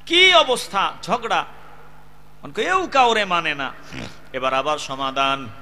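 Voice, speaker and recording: A man preaching a waz sermon, swinging between loud calls and low chanting. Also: expressive, takes it slowly.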